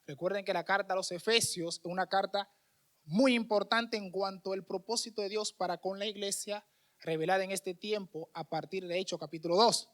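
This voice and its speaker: A man's voice: sits high, steady tone, moderate pace. A man with a Dominican Spanish accent, a missionary preacher giving a conversational sermon with restarts and fillers. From Dominican Republic.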